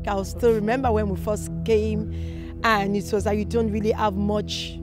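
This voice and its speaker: A woman's voice: medium pitch, level tone, moderate pace, over music. A woman and parent speaking in a documentary interview, conversational and loosely phrased.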